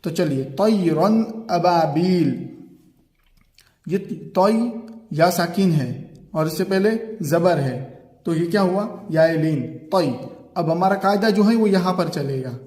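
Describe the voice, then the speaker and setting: High-voiced man teaching recitation in an echoey room. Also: expressive, a little mellow. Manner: explains a rule, then recites example words slowly; asks "ठीक है?" to check the learner. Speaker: Quran reading teacher. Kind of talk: step-by-step recitation lesson. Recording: echoey room with long reverb.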